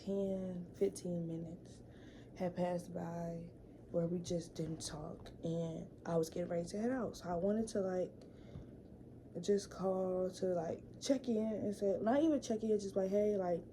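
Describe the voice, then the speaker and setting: A woman's voice: on the low side, fairly even intonation, unhurried, noisy background. A young woman telling a casual storytime vlog story, chatty, full of fillers and repeated words. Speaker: vlogger.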